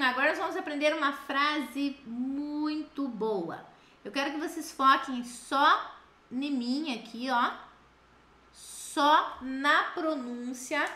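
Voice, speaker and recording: A Brazilian woman teaching English live, drilling words slowly and having learners repeat after her. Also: high-pitched, bright, forceful tone, roomy sound. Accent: Brazilian Portuguese. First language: Portuguese. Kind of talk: live online English lesson.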